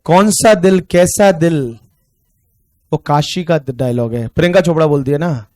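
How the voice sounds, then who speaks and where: Man, Indian accent, tax teacher, casual and jokey, slow dictation, high voice. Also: darkish tone, no room sound, clean studio sound. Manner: chatty and joking, then dictates questions slowly. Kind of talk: casual online class lecture.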